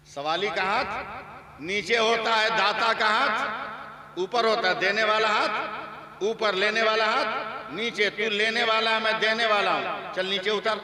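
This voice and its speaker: A man's voice: high voice, pushed and bright. A man with an Indian Urdu-Hindi accent preaching dramatically, telling a story and calling on the crowd to respond. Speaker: Islamic preacher. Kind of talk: sermon storytelling. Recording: echoey hall with long reverb.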